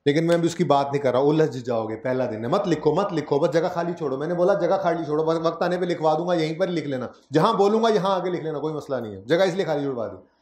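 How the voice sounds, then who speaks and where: This accounting teacher talks fast with hardly any pauses, his fairly high voice a little mellow. He walks his students through the lesson step by step and keeps checking in with them, all in a classroom with noticeable echo.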